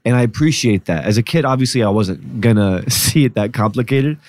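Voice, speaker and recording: A man's voice: medium pitch, expressive, brisk, darkish tone, dry recording. A man from New Jersey, a podcast guest, talking casually and reflectively about his upbringing with frequent "like" fillers. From Newark, New Jersey, US. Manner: reflective, storytelling, many "like" fillers. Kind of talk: casual conversation.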